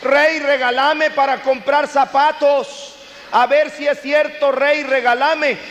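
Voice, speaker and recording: A man's voice: very high-pitched, little pitch movement, takes it slowly, a bit bright, voice pushed up, heavily acted. A man voicing a poor barefoot man who pleads and complains to a king. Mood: pleading. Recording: long hall reverb, faint noise.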